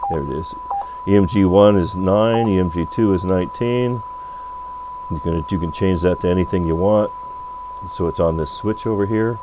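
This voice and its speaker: At a workbench for electronics repair, a deep-voiced man speaks at a moderate pace during an unscripted product demo, reasoning out loud about the radio. The audio is noisy and hums electrically.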